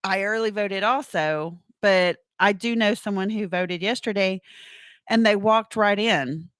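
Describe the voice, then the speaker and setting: A woman's voice: mid-range voice, unhurried, fairly bright tone, dry recording. A woman co-hosting a talk show, chatting casually and retelling things conversationally, often acting out who said what. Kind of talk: casual chat, storytelling.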